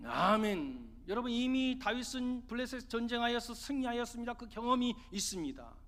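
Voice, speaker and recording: A man's voice: extremely high pitch, sing-song, normal speed, fairly bright tone. A man preaching a sermon as pastor, pressing his points with rhetorical questions to the congregation. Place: church sanctuary. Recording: long church reverb.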